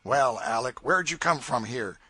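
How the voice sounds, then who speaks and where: Voicing a stern but fair older raftsman boss in full character, a man reads the scene where the leader interrogates a stowaway, gruff and commanding at first and lenient later, with a stern mood. The bright, slightly husky voice has lively pitch and a somewhat slow pace, recorded close and dry with no room sound.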